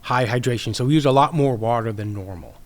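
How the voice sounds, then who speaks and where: A man's voice: medium pitch, fast. Podcast guest, man, easygoing explainer, fillers and restarts. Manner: rambling, explanatory, lots of fillers. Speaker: podcast guest, sourdough baker. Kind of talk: casual podcast chat.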